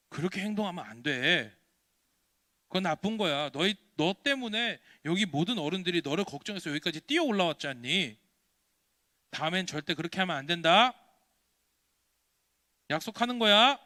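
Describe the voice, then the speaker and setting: A man's voice: high-pitched, very animated, normal speed, pauses often, bright, forceful tone, no echo, clean studio sound, heavily acted. A man voicing a firm village grown-up who scolds a child for lying. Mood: scolding. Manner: firm, admonishing.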